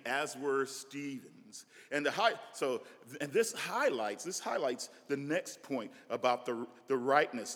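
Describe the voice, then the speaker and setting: A man preaching a sermon as senior pastor, animated and given to restarts and asides. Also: medium pitch, in a large hall.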